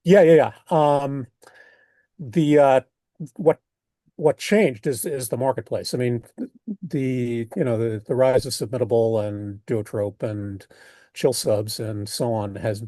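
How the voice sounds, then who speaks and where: An older man with an American accent talks reflectively in an interview, thoughtful and halting as he rephrases mid-sentence. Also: mid-range voice, steady tone, dark tone, no echo. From United States. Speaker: poet being interviewed.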